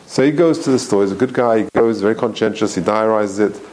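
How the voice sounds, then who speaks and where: A man teaching a Torah class, reading Hebrew phrases slowly and explaining them with emphatic questions and a long story. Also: lowish voice, darkish tone, slight background noise, low-quality recording.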